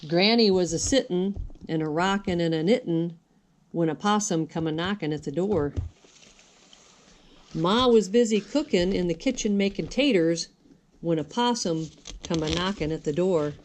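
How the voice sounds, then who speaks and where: A woman's voice: on the low side, normal speed, a little mellow, a little hiss or hum. An older woman, a sweet grandmotherly lady, reading a storybook aloud in a folksy, rhythmic way with dropped g's. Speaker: grandmother reading a picture book.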